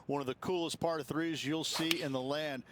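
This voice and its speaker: A man's voice: a little high, fairly even intonation, moderate pace, background noise. A man doing golf commentary as the analyst in a video game, with folksy, emphatic phrasing.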